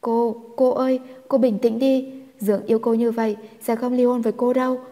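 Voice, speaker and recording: Woman doing a young woman, desperate, tearful, pleading, high and loud, reverberant audiobook. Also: flat delivery, brisk, lightly acted.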